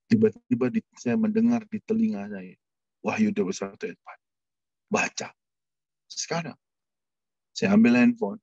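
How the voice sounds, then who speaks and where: A man's voice: sing-song, normal speed, creaky, long pauses, darkish tone, slightly rough. A man preaches in an emotional, testimonial way, his voice leaping upward as he recalls crying out. The sound is dry, with no room echo. The recording is a little dull and muffled. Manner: emotional testimony, swinging pitch. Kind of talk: sermon.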